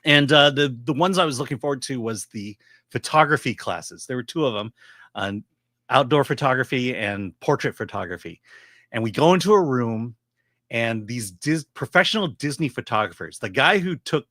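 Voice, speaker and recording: A middle-aged man giving casual movie commentary as a reviewer, explaining his opinions in a halting, opinionated way. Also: mid-range voice, animated, sharp tone, no room sound, studio quality. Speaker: film reviewer.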